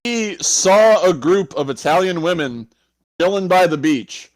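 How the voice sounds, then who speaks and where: A man's voice: high-pitched, lively intonation, unhurried, no room sound, rough recording. Laid-back man telling a story, dry sound. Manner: swearing, laughing storyteller. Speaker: podcast co-host. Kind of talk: casual storytelling chat.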